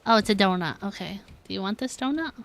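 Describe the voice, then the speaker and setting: During a game live stream, a woman chats casually, reading and answering viewers' messages and sometimes mumbling her words. Her mid-range voice is fast, creaky, and fairly bright, with lively intonation.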